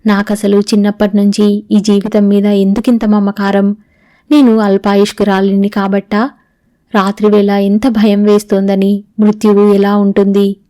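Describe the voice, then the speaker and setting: A woman's voice: mid-range voice, completely flat delivery, normal speed, mellow, no echo, clean studio sound, natural voice. A woman reading the diary of a young woman facing terminal illness, written to her father, in an audiobook. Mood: sorrowful.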